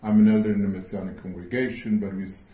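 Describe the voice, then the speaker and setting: In a dull, roomy recording that suggests a hall, a middle-aged man gives a sermon at a church meeting, his tone steady and his voice slightly low. He is from Switzerland and English isn't his first language, so he talks slowly and earnestly, pausing often with fillers.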